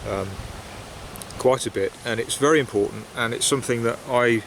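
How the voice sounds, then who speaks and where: With wind and rustling leaves behind him, a man who vlogs while smoking a pipe chats in the woods. His pitch is medium and his speed normal, and his delivery is casual, reflective, hesitant and meandering. The basic equipment picks up outdoor wind noise.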